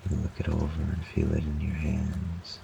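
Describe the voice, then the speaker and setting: A man narrating a guided relaxation meditation in a calm, soothing, measured way, with long pauses. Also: very deep voice, gravelly, lo-fi sound, a little hiss or hum.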